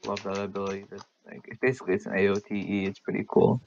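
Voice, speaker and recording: A man's voice: on the low side, steady tone, fast, a little mellow. A man chatting casually as a co-player in an online game. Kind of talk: casual gaming chat. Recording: muffled lo-fi mic, keyboard clicks.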